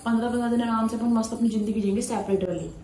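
A woman's voice: on the high side, steady tone, very fast, warm tone. A young woman vlogger talking casually and pleading insistently into a phone camera. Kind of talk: casual chat. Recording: echoey room with faint noise.

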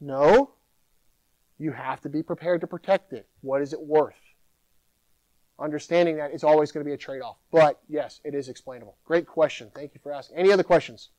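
A middle-aged man fields audience questions from a conference podium, lively and animated. His voice sits high for a man. The sound is dry and close. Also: a little fast, dry recording, rough recording. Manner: animated, mimics users in mocking voice. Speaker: keynote speaker. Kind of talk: conference Q&A answers. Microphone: podium microphone.

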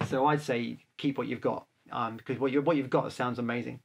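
A man, a photographer, casually answering viewer questions to camera in a relaxed, chatty way. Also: mid-range voice, fairly quick, vocal fry, husky. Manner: chatty, relaxed, handles gear while talking.

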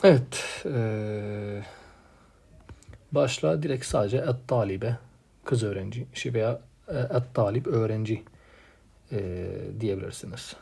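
A man teaching from a textbook, stressing each new word and then explaining it in an even, patient tone. His voice is gravelly and dark, with a rough, husky edge. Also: fairly low pitch, takes it slowly, pauses often. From Turkey. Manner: reads Arabic words with emphasis, then translates plainly; addresses students as friends, repeats key words. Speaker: Arabic teacher. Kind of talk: textbook lesson walkthrough.

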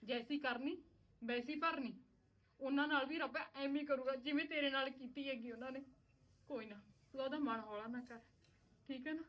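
Village drama: woman playing a motherly sister-in-law, high voice, soothing and reassuring. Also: normal speed, fairly bright tone, poor audio. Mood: comforting.

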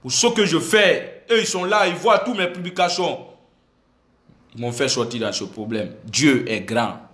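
A Senegalese activist in his thirties records an impassioned selfie video for his followers, holding his phone at arm's length in an indoor room with an air conditioner. His voice is fairly high and fairly bright, his pace measured, and he speaks emphatically, gesturing, repeating himself, and switching between French and a local language. The phone picks up an echoey room.

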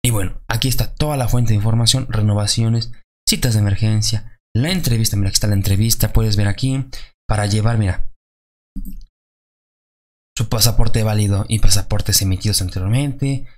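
A young adult man with a Mexican accent, talking loosely in a casual advice vlog, full of fillers and quick check-ins with the viewer. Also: on the low side. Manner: chatty, loose, many fillers and tags like "¿sale?". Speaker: vlogger.

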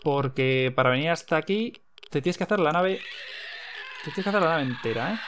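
A young man from Spain with a Castilian accent, giving excitable gameplay commentary, repeating words in bursts and swearing when startled. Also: a little high, brisk, slight background noise. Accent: Castilian Spanish. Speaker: gaming YouTuber.

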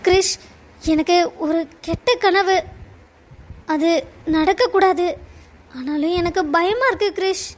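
This is an outspoken young wife in a cartoon family drama, voiced by a woman. Her voice is very high, and she talks emotionally and often stammers. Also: takes it slowly, long pauses. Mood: frightened.

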